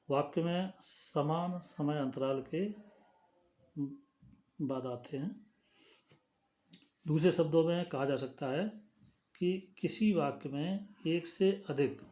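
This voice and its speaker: A male teacher gives a classroom lecture, taking his time and pausing between phrases. His voice sits a little high but sounds mellow and soft-edged. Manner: slow, deliberate explaining with pauses.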